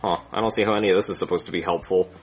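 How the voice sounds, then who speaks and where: On a dull lo-fi recording, a man plays a bumbling, insecure, self-loathing doctor who rambles and stammers before screaming insults at himself. His low voice is close to everyday speech, racing along with fairly even intonation.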